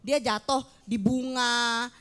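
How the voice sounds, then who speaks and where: A woman teaching children a Bible lesson. Her voice is high, and her delivery is chatty and lively. She keeps turning to the kids with questions. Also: takes it slowly, clean tone. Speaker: Sunday school teacher.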